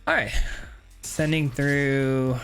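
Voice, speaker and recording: A man's voice: mid-range voice, steady tone, takes it slowly, gravelly, a bit bright, smooth, faint music behind. A man casually commenting on his own card game as he plays, chatty and self-critical, with frequent ums and uhs. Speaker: gameplay streamer.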